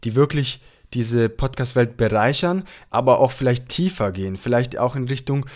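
A young podcast host from Apulia in southern Italy talks in a medium-pitched, slightly mellow voice at a normal speed. In casual conversation, he gives long, rambling answers packed with fillers.

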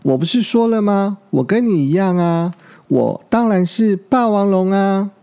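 Man voicing a menacing tyrannosaur, gravelly, sly and coaxing; storybook villain. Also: sits high, expressive, unhurried, warm tone, voice pushed up. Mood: scornful. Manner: sneering chuckle, coaxing.

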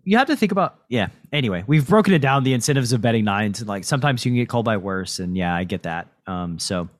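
A man's voice: fairly low pitch, animated, fast talker, no room sound. Casual man on a dry podcast mic. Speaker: podcast host and poker coach. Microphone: close podcast mic.

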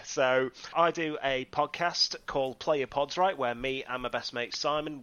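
Bright man, slightly lo-fi sound. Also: medium pitch. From northeast England. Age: 30s. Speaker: podcast guest. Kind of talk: casual chat.

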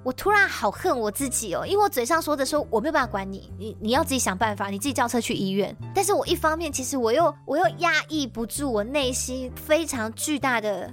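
A woman's voice: sits high, animated, quick pace, few pauses, faint music behind. A woman with a Taiwanese Mandarin accent telling a personal story on a podcast, emotional and intense.

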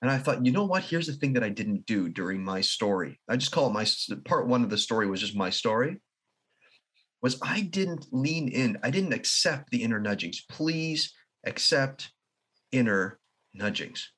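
A man who is a guest in an interview, telling a long personal story in an earnest, halting way with restarts and soft laughs. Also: medium pitch, lively intonation, breathy edge. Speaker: podcast guest.

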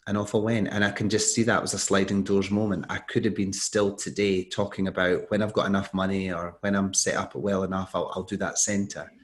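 A middle-aged man telling a story in conversation, lively and acting out the dialogue he quotes. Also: sits low, brisk, hardly any pauses. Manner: animated, acts out quoted dialogue.

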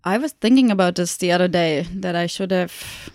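A middle-aged woman from Germany with a German accent, her voice carrying a gravelly, creaky texture as she muses through her answers. She pauses and restarts often, picking her words with care. The sound is close and dry, with no room around it. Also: on the low side, a little mellow, no room sound. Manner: reflective, halting, many restarts. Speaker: photographer guest. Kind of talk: conversational interview.

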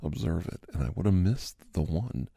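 A chatty male doctor in his fifties, played by a man in a whispered role-play, gravelly and dark-toned. He rambles in an easy, half-whispered way while giving a massage, close and dry on the mic. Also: low voice, animated, normal speed, no echo, exaggerated voice. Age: 50s. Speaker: ASMR host.

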